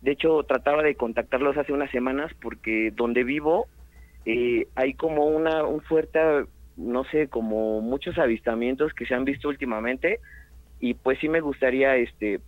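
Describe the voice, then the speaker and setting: A man's voice: medium pitch, normal speed, dry recording. A man with a Mexican accent calling in by phone, hesitant and polite as he starts telling his story. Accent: Mexican Spanish. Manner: hesitant, polite, calls the host "hermano". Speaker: caller. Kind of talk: phone call testimony. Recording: tinny phone line.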